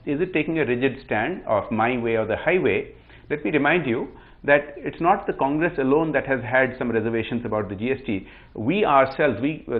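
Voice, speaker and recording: A man, a politician on a TV panel interview, making measured arguments over the phone. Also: mid-range voice. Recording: tinny phone line.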